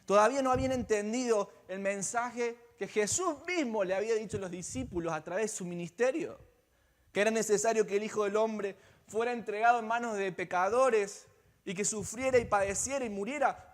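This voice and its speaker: A man pastor delivering an Easter sermon as dramatic storytelling, swinging between loud passages and hushed ones. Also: high voice. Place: church sanctuary. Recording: long church-hall reverb.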